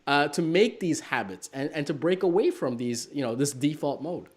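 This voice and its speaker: A man's voice: fairly high pitch, expressive, normal speed, a little mellow. A man hosting a casual live interview, asking long rambling questions with lots of fillers. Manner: chatty, many fillers, eager. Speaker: show host.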